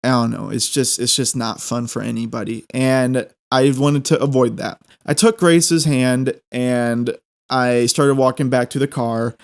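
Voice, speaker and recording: A man with a mid-pitched voice tells a story in a casual style. He rambles and circles back on his words, with a self-deprecating streak. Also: fairly even intonation, a little slow.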